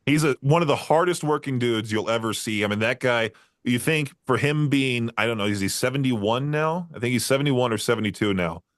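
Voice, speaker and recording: Fairly quick and mid-range in pitch, a male podcast host chats casually in an interview setting, drifting through long stories with frequent fillers and laughs. The recording is dry and clean, studio-made.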